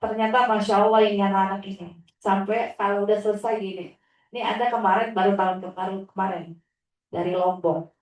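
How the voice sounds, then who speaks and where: Fairly quick and a little mellow, her mid-range voice keeps a fairly even intonation as she, an Islamic teacher, shares inspiring tales of her students. She acts out a child's whiny responses, recorded from a distance in an echoey space.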